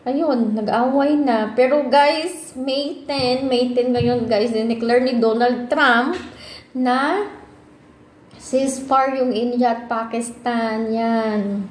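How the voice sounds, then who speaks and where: A young woman from the Philippines chats away to her followers, calling out to them and switching into English now and then. Her voice sits a little high. The room is echoey, with faint ambience behind her. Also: steady tone, slow pace, a little hiss or hum. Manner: chatty, calls out to viewers often, mixes in English. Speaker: vlogger. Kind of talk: casual chat to camera.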